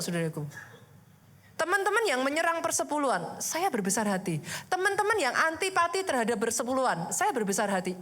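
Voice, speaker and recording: A woman pastor preaches in a high, bright voice. Her pitch swings widely as she talks to the congregation in a casual, conversational way. She keeps asking them rhetorical questions. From Indonesia. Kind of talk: sermon.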